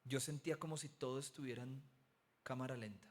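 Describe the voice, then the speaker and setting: Animated pastor telling a testimony. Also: male voice, mid-range voice, fast talker. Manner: animated storyteller, acts out voices, rises to near-shouting at peaks. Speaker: pastor teaching a theology class. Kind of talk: preaching-style lecture with personal testimony.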